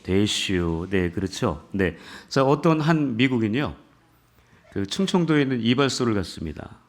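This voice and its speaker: A man's voice: mid-range voice, normal speed. A man pastor leading scripture reading, then preaching a sermon with jokes, questions to the congregation and rising emphasis. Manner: builds from calm scripture reading to emphatic exhortation.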